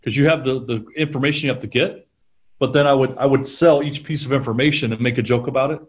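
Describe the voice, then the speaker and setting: A middle-aged man, a guest on an interview show, telling animated stories about selling and laughing often. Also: medium pitch, fast talker. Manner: animated storyteller, acts out quotes, laughs often. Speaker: guest, sales trainer. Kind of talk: conversational storytelling interview.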